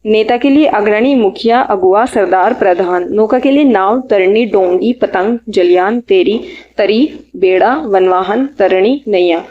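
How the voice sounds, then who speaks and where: A woman teaching exam vocabulary, listing synonyms in short bursts and adding quick study tips. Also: medium pitch, lo-fi sound. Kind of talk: reading out synonym lists for an exam lecture.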